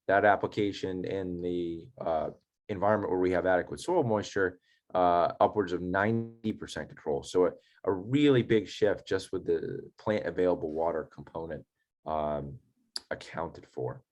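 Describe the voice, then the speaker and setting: Man, very low voice, technical lecture, folksy and practical, lots of "you know". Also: moderate pace, darkish tone. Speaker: turf science presenter.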